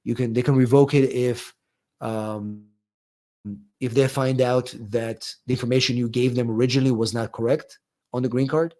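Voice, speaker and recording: A man of medium pitch, with a steady, darkish tone and normal speed, works as an immigration attorney hosting a live Q&A stream. He reads viewers' questions out loud and answers in a loose, conversational manner, often restarting and saying um.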